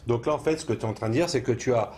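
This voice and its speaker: Mellow male interviewer, hesitant phrasing. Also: medium pitch, rapid-fire. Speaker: video host and interviewer. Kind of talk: conversational interview, summing up guest's points.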